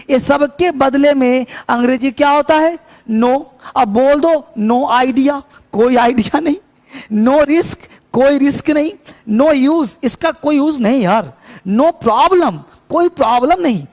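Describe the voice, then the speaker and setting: A man with a very high voice teaches simple English phrases, repeating each one patiently. He keeps asking his students whether they are following. His voice rings out in a room with a long reverb. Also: takes it slowly, darkish tone. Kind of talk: spoken English lesson.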